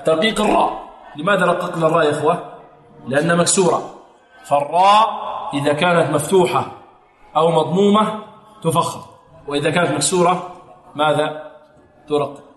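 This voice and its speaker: A man teaching Quranic recitation rules. He asks questions, answers them himself, and chants slow, drawn-out examples. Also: on the high side, a bit bright. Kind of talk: tajweed lesson with recited examples. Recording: echoey hall recording.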